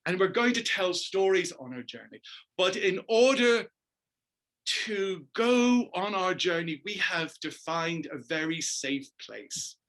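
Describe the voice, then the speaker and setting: A middle-aged man from Northern Ireland, a dancer and choreographer, telling stories as an interview guest in an animated, emphatic way. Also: high voice, slow. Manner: animated, emphatic storyteller who keeps addressing the host by name. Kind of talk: storytelling interview.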